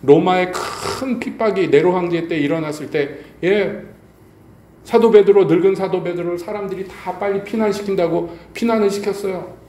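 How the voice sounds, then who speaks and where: Male pastor, middle-aged, warm voice, storytelling sermon in a roomy church hall. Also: high voice, normal speed. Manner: storytelling preacher, appeals to the congregation with rhetorical questions. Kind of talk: evening sermon. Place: church sanctuary. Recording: echoey church hall, faint background noise.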